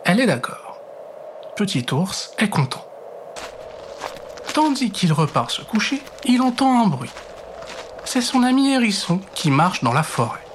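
Lively male storyteller reading to children. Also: high-pitched, measured pace, pauses often, slight background noise. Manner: warm expressive storytelling, soft whispers for suspense.

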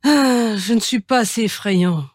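A woman's voice: fairly high pitch, a little slow, slightly rough, no echo, studio quality. A woman voicing a kind young wolf in a children's storybook who sighs that he cannot be frightening. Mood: plaintive. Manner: sighing, plaintive.

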